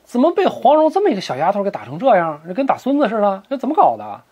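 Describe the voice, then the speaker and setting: A man's voice: high-pitched, huge pitch swings, fast talker, a little mellow, lo-fi sound, voice pushed up, exaggerated voice. A man voicing a fierce older male villain who exclaims in an agitated, raised voice. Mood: alarmed.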